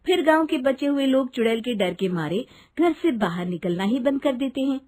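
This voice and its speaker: Woman narrator, cartoon storytelling, lively up-and-down voice, slightly high, faint hiss behind. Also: moderate pace.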